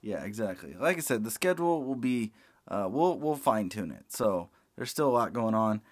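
A middle-aged man hosting a casual podcast, relaxed and rambling with plenty of fillers, into a close mic. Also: fairly low pitch, normal speed, no echo. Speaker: podcast host.

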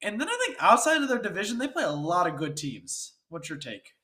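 A man's voice: high voice, sing-song, fairly quick, bright, forceful tone. A man with a stuffy nose hosting a casual sports talk show, chatty and often checking for agreement. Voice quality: congested, stuffy-nosed. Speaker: podcast host.

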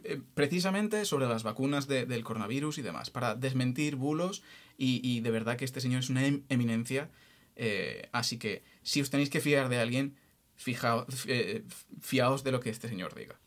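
A man's voice: medium pitch, moderate pace. A man talks through a science topic on a casual podcast. He jokes along the way and stumbles into restarts as he explains. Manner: jokey, restarts often while explaining.

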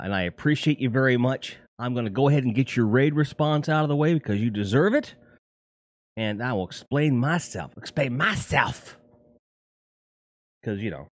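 A man's voice: mid-range voice, expressive, a little fast, darkish tone, dry recording, studio quality. Profane, rambling livestream host, a middle-aged man. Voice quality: profane, rambling, self-correcting. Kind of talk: casual chat.

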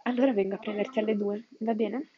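A woman reading the lines of a friendly, smooth-talking young male college student. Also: high voice, fairly even intonation, fast, lo-fi sound, a crowd in the background, natural voice.

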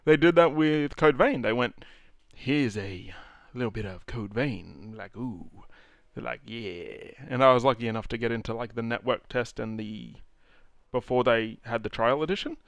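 A man's voice: medium pitch, moderate pace, clear, resonant tone, dry recording. A man hosting a casual gaming chat, acting out quotes and swearing freely. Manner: animated, swearing, acts out quotes.

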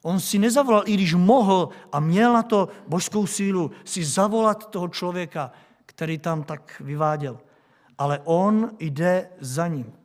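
Male preacher, sermon, high voice, asks the congregation rhetorical questions.

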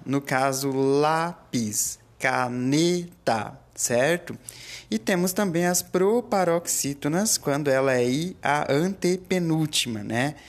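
Patient Brazilian teacher explaining grammar. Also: medium pitch. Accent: Brazilian Portuguese. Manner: patient, explanatory, checks in often with the listener. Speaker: Portuguese language teacher. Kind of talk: recorded grammar lesson.

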